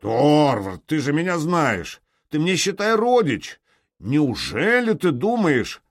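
A man voicing a greedy warlord who yells indignant challenges up at a fort in an audiobook. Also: fairly high pitch, very animated, takes it slowly, voice pushed up, exaggerated voice. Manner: yelling, indignant, blustering.

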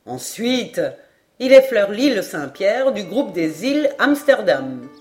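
A woman reading aloud, voicing an excitable, absent-minded male geographer in a high, eager, exclaiming voice. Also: slow, faint music behind.

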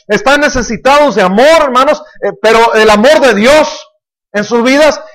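Pastor, very high voice, emphatic sermon delivery, asks the congregation questions. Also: male voice, fairly bright tone.

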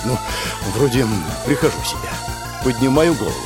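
A man's voice: mid-range voice, expressive, brisk, music in the background. A man narrating a first-person fantasy audiobook in a tense, dramatic way.

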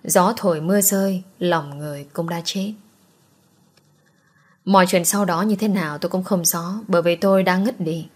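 A woman's voice: on the low side, normal speed. A woman narrating a first-person romance audiobook with an emotional, dramatic reading.

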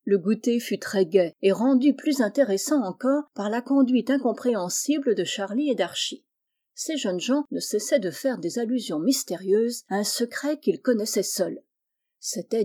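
A woman reading a classic children's novel aloud, narrating calmly and lifting her voice for the children's lines. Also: mid-range voice. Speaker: audiobook reader. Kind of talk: storybook narration.

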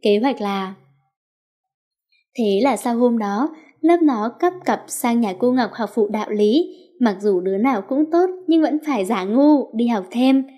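A woman narrating a story in an expressive reading voice. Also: fairly high pitch, normal speed.

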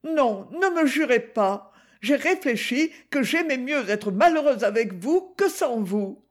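A woman reading a story aloud and voicing a fifteen-year-old girl, speaking softly and plaintively with some hesitation. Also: sits high, lively intonation, unhurried, voice pushed up. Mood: resolute.

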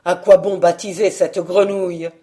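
A woman doing a gruff drunken peasant. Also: steady tone, normal speed, close to an everyday voice. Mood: blustering. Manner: loud, blustering, low.

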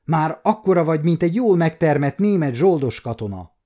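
A firm nobleman knight who speaks curtly and to the point, voiced by a male narrator. The tone stays dark and mellow, in the clean sound of an audiobook. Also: medium pitch, very animated, natural voice. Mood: teasing. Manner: curt, firm.

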